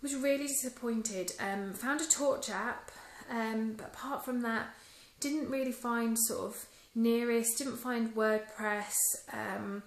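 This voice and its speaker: A woman's voice: on the high side, slow, few pauses, roomy sound, poor audio. A woman giving a casual phone review vlog, talking into a phone she holds at arm's length, chatty and full of ums. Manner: chatty, many ums, mildly disappointed. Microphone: phone held at arm's length.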